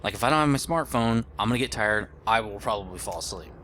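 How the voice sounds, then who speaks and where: A man's voice: lowish voice, animated, quick pace, a bit bright, a little hiss or hum. A man in his late thirties giving casual gameplay commentary, rambling and thinking aloud as he plays. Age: late 30s. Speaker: gaming video host.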